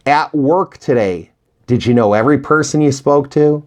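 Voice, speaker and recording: A real estate investing coach delivers a motivational tutorial to beginner viewers in a medium-pitched voice at a moderate pace. He is animated, folksy and encouraging, firing off rhetorical questions and acting out little imagined dialogues with emphasis.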